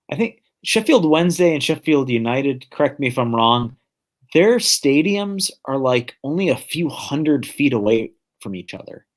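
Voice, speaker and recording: A man from the Detroit area co-hosting a live football fan show. He talks casually, hedges his points, swears and fills gaps with "like.". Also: medium pitch. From Detroit area, United States. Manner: casual, hedging, swears, many fillers like "like". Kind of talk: casual live-stream chat.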